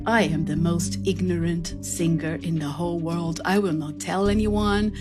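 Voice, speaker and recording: Music runs under this interview, in which a classical singer from southern Brazil tells stories about her life in a Brazilian accent. Her lowish voice moves at normal speed with fairly even intonation.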